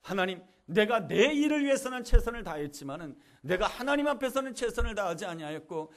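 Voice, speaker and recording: A man's voice: high voice, very animated, brisk, voice pushed up. A man playing a laid-off husband, bitter, pleading and tearful. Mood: praying.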